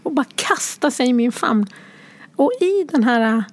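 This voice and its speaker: Soft-spoken, tearful woman. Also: on the high side, animated, dry recording. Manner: halting, soft-spoken, often dropping to a near whisper. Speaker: guest sharing a personal story. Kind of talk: emotional personal storytelling.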